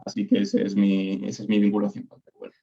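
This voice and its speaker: A man's voice: lowish voice, sing-song, a little fast, gravelly, mellow, lo-fi sound. A young man in his twenties from Spain, a political scientist answering interview questions in structured points with rhetorical questions. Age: 20s.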